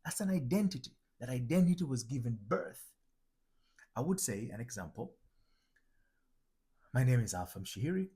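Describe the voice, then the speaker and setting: He has a mellow, medium-pitched voice with a breathy edge, big pitch swings, a moderate pace, and frequent pauses. A Tanzanian man working as an identity transformation coach, he offers a reflective motivational teaching talk that restates its points, repeating and restarting phrases as he builds them.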